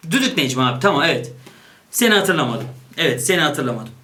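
Playful young man, slightly higher voice. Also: sing-song, sharp tone. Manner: reads options aloud and jokes about each; playful, quick to laugh. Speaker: YouTuber. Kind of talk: casual chat while taking an online quiz.

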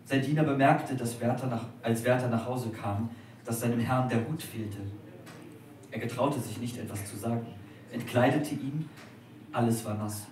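A man giving a measured, expressive dramatic literary reading aloud at a live dinner event in a restaurant. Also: mid-range voice. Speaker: reader. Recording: echoey room from a distance, faint noise.

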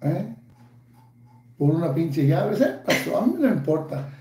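High-voiced, cursing Mexican man. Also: sing-song, a little slow, reverberant, noisy background. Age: 50s. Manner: angry, profane, taunting. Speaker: YouTuber. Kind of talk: ranting vlog.

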